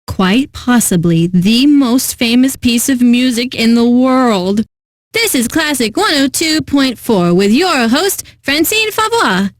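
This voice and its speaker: An actress voices a refined, eccentric classical radio host in a video game, delivering lines pompously and theatrically, savoring every phrase. Her high-pitched voice comes through a dry, studio-quality recording.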